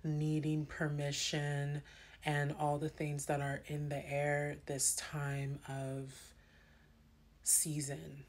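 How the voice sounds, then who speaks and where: A young woman telling a personal story in a casual, animated way, with many fillers. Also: deep voice, takes it slowly, a little hiss or hum.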